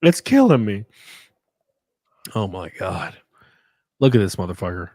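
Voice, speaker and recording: A streamer host with a lowish, very animated voice and a darkish tone talks at a measured pace, rambling through donation thank-yous with plenty of swearing. He sounds sniffly and a little tipsy during this casual livestream chat, captured in clean studio sound without echo.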